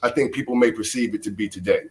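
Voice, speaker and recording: This Chicago man, a middle-aged ex-baseball player appearing as a show guest, speaks on the low side at a quick pace. Flu has left him sounding nasal and congested, and his easygoing talk is loaded with fillers.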